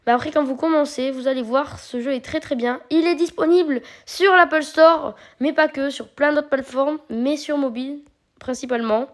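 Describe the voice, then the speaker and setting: A woman walks viewers through a mobile game in a casual, chatty way. Her voice sits a little higher than usual. She explains each step patiently, filling the gaps with small hesitations. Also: fairly even intonation, normal speed. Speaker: mobile game video creator. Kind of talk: casual gameplay commentary.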